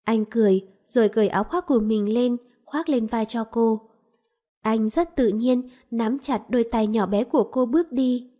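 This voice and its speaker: Mellow woman narrating a romance novel. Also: a little high, moderate pace. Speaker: audiobook narrator.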